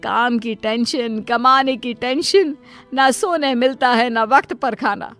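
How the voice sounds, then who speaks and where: A woman as a gentle, long-suffering cartoon mother. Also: fairly high pitch, slow pace, faint music behind. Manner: soft, pleading. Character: self-sacrificing middle-aged mother, gentle. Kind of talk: cartoon story voice acting.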